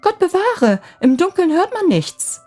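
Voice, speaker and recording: Playing a smitten storybook girl, a woman narrator uses a high, spirited voice in full character, begging coyly and slightly out of breath, affectionate and teasing yet easily rattled. The pace is a little slow, the mood flustered and playful, with faint music in the background.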